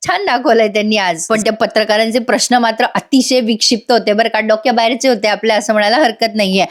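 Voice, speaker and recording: A woman's voice: fairly high pitch, fairly even intonation, fast. A woman doing a chatty voice-over review of a TV serial episode, talking straight to her viewers. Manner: chatty, addresses viewers directly.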